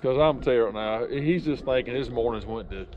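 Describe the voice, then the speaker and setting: A man from South Carolina, chatting excitedly and joking outdoors while hunting. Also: mid-range voice, muffled recording, noisy background. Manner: boisterous, joking, quick to laugh. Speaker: hunting vlogger. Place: outdoors in rural woods.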